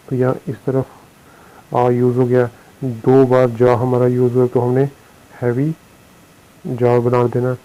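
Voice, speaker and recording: A man with an Indian accent, teaching a recorded shorthand lesson. He explains slowly, repeats himself and often pauses on fillers. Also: medium pitch, dark tone, highs cut off. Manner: slow, repetitive explanation with frequent fillers.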